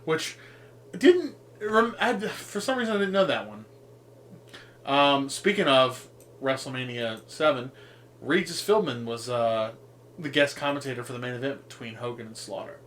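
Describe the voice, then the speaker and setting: A man's voice: medium pitch, animated, moderate pace, fairly bright tone, slight background noise. Rambling casual podcast man. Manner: rambling, swears, laughs at his own jokes. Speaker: podcast co-host.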